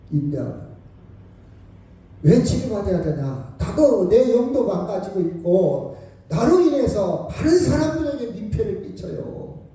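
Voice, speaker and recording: A middle-aged man preaching a sermon to his congregation, animated, swinging between loud exclamations and hushed asides and often asking them to agree. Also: on the high side, slight background noise. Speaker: pastor. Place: church sanctuary. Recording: very echoey church hall, mic far off.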